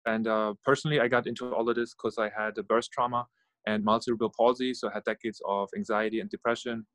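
A man's voice: on the low side, level tone, quick pace, fairly bright tone, dry recording. Norwegian-German man talking thoughtfully. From Norway and Germany. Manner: searching, thinking aloud, with many fillers and sighs. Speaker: guest, startup founder and meditation guide. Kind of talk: casual interview conversation.

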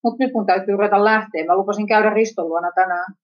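A woman's voice: medium pitch, steady tone, lightly acted. Brief: a woman voicing an evasive young man, casual slang, dull lo-fi sound. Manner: casual, offhand slangy speech.

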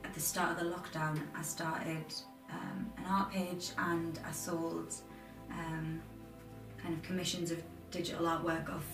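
Casual interview guest: woman, 20s, Durham accent, slightly low voice, roomy distant recording over clear music. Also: flat delivery, a little slow. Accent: Durham, north-east English. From Durham, England. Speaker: interview guest, aspiring film and TV editor.

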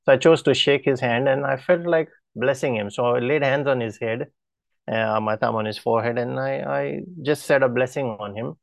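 A man preaching, telling a personal testimony in an earnest, halting way with frequent restarts. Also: medium pitch, creaky, dry recording.

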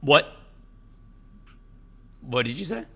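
A man co-hosting a podcast in casual chat, animated and opinionated, swearing freely, his voice cracking today. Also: mid-range voice, takes it slowly, slightly rough. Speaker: podcast co-host.

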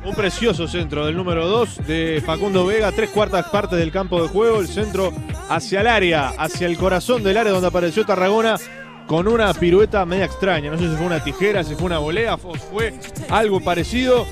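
Football pundit guy, highish voice, recapping goals with music behind. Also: brisk. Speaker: football analyst. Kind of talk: goal recap commentary.

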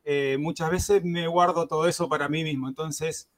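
A man whose first language is Spanish hosts a gaming podcast, talking casually at a moderate pace. His voice is a little high and steady in tone. He sounds hesitant, with lots of fillers and restarts.

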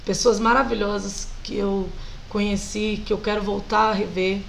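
A Brazilian woman singer with a Brazilian Portuguese accent, animated and laughing often as she tells stories as a guest in a casual interview. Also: mid-range voice, moderate pace, gravelly, a little hiss or hum, low-quality recording.

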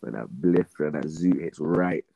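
Deep-voiced London roadman, slangy and casual. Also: a little slow, gravelly, noisy background. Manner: slangy street talk. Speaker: podcast guest. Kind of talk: casual chat.

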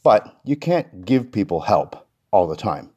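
A man speaking as host of a solo leadership podcast, slightly out of breath. His voice is low and husky, with a mellow, dark tone. He talks in an earnest, reflective way. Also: big pitch swings, a little slow, muffled recording. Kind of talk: casual solo podcast talk.

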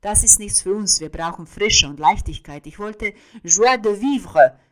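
A woman giving a dramatic reading of a first-person monologue. She drops into hushed whispers and then breaks out loudly, with a rhythmic, drum-like way of phrasing. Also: medium pitch, animated, measured pace. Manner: swings between hushed whispers and sudden loud outbursts.

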